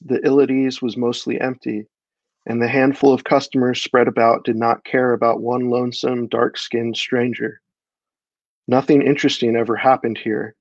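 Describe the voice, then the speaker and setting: A man reading his own dark fantasy story aloud at a live event, in a measured storytelling voice. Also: medium pitch, dry recording, muffled recording.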